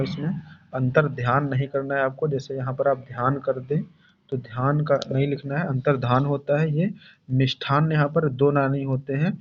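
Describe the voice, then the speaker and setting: A man's voice: mid-range voice, slight background noise. A man teaching an online Hindi exam-prep lesson, going over spellings again and again and calling his students brother and friends. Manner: repetitive, drills correct spellings, calls students "bhai" and "saathiyon". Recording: dull lo-fi sound.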